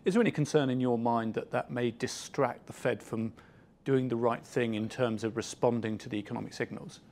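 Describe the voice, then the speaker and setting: Mid-pitched male financial interviewer. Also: fairly even intonation, brisk, darkish tone. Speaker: interviewer, host.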